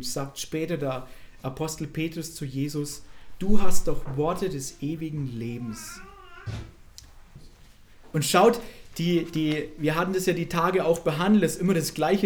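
High-voiced German preacher, fervent and intimate. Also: male voice. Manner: swings between loud fervent calls and quiet intimate asides; acts out quoted voices in his preaching. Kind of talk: sermon.

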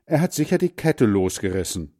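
A man's voice: fairly low pitch, big pitch swings, moderate pace, dark tone. Storybook big brother, near the reader's own voice, male reader. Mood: casual. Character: capable older brother, a schoolboy.

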